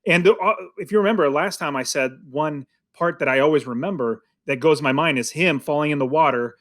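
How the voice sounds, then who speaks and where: A man's voice: on the high side, fairly quick, fairly bright tone. A man co-hosting a podcast, chatting casually about a movie in a rambling way with many restarts. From United States. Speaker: podcast co-host. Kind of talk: casual film review chat.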